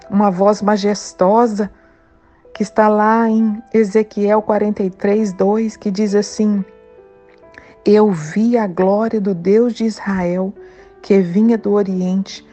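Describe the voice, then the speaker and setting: A woman's voice: mid-range voice, mellow. A woman preacher, giving a fervent prophetic sermon that breaks into speaking in tongues.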